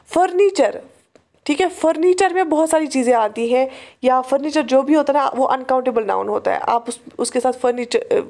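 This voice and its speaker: High-voiced woman teaching English grammar. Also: darkish tone. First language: Urdu. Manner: explains in Hindi-Urdu, says English examples slowly and deliberately; often checks in with "theek hai" and "right". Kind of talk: classroom lecture.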